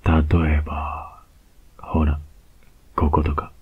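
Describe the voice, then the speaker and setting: A man plays a teasing, cocky young Kansai student in a whispered role-play, heavily acted and murmured close with soft laughter. The voice is extremely low and husky, slow, even and monotone, and the audio is narrow and tinny.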